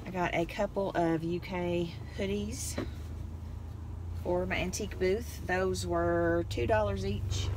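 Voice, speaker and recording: A woman vlogger with a voice on the low side chats casually about her haul, rambling and laughing often. She's inside a car, first parked, then driving. A phone on the dashboard records her, and the car interior is noisy.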